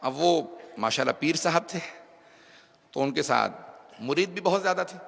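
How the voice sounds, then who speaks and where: Gravelly, bright-voiced male preacher. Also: on the high side, animated, normal speed. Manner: rhetorical, dropping to hushed tones for emphasis. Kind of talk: religious sermon with storytelling. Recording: long hall reverb.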